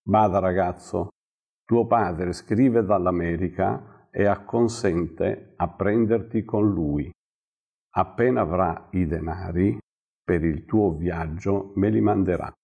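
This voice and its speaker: A man's voice: sits low, slow, gravelly, slightly rough, lo-fi sound, full character voice. A man voicing a poor, worn-out village mother who complains about her son, in a storybook reading. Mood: stern. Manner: complaining, weary.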